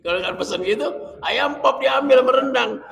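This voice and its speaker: A man's voice: very high voice, moderate pace, vocal fry, a bit bright. A man giving a religious study lecture as a teacher, chatty and jokey while explaining Arabic terms. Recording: long hall reverb.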